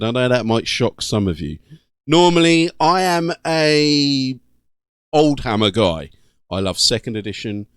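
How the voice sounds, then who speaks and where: A man's voice: mid-range voice, fairly bright tone, smooth, dry recording, clean studio sound. A British man hosting a gaming channel, giving casual, slangy reaction commentary in an informal way. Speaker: YouTube gaming channel host.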